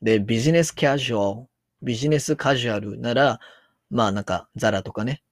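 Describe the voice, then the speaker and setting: A man's voice: medium pitch, quick pace, no room sound, clean studio sound. A man with a Kansai accent giving casual commentary on a news article, musing aloud and reading passages out as he goes. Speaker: solo commentator.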